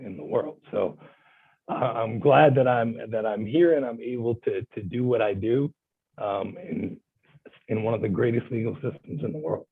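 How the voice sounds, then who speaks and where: A man's voice: medium pitch, breathy edge. A man from Bulgaria, a guest lawyer, answering interview questions in an earnest, passionate and emphatic way over a video call. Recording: thin phone-like line.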